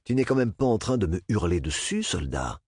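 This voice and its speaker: A man as a calm stern instructor. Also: lowish voice, fairly quick, breathy edge, dry recording, exaggerated voice. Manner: level, dry, commanding.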